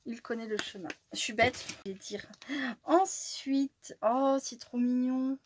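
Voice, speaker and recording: A French-speaking woman chatting casually as she opens her mail, easily delighted, laughing often and sometimes dropping to a soft whisper. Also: on the high side, measured pace. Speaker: crafting channel host. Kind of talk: casual chat while opening mail.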